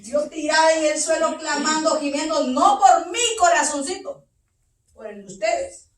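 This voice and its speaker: A woman pastor preaches with fervor, her high voice rising into tearful outcries. She sounds distant from the microphone. Her voice rings through a roomy church hall. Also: a little slow. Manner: fervent, rising to tearful cries. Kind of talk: impassioned sermon.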